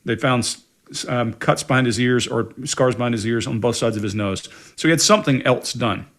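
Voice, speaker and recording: A man analysing an interview clip with a panel, chatty and emphatic as he builds his points. His voice sits at a medium pitch, and he speaks in a loose, conversational way. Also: brisk, fairly bright tone. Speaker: body language analyst.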